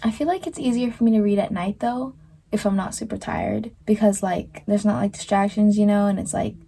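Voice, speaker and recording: A woman's voice: mid-range voice, expressive, fairly quick, vocal fry, dark tone, slightly rough. A young woman casually vlogging about books, tired and chatty, with lots of filler words. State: tired, yawning. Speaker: book vlogger. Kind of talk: casual vlog to camera.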